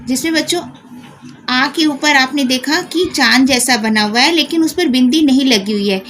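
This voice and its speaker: A woman's voice: sits high, normal speed, fairly bright tone, slight background noise, low-quality recording. A woman teaching a grammar lesson to children, calling out the letters one by one. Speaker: Hindi teacher. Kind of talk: slow classroom grammar lesson.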